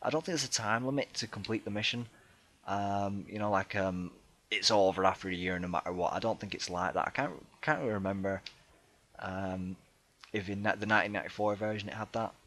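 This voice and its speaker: Man, fairly low voice, casual gameplay commentary, hesitant, lots of ums, chatty, self-deprecating. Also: fairly even intonation, brisk, a bit bright. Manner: hesitant, many ums and restarts. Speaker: let's play gamer.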